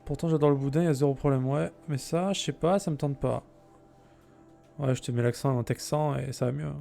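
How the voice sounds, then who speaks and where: A man's voice: mid-range voice, fairly even intonation, a little fast, vocal fry, warm tone, faint music behind. A man chatting casually and jokingly while streaming a game, answering his viewers' messages. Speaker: let's play streamer. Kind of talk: casual gameplay chat with viewers.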